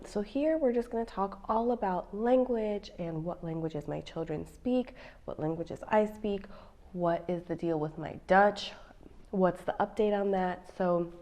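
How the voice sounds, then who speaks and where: An American woman in her thirties vlogs as a mom, chatting casually and playfully straight to her viewers on camera. Her voice is mid-range with a dark tone.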